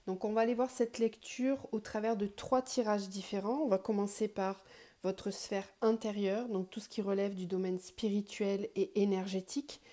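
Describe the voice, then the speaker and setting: A woman hosting a spiritual card reading for viewers, slightly ill, her voice cracking at moments, explaining gently with pauses. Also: medium pitch, steady tone. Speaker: tarot card reader and online guidance host.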